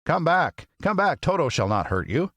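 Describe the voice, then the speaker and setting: A man doing a gentle tin man. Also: on the low side, very animated, fairly quick, dry recording, voice pushed up. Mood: calling out. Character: gentle kind-hearted male tin man.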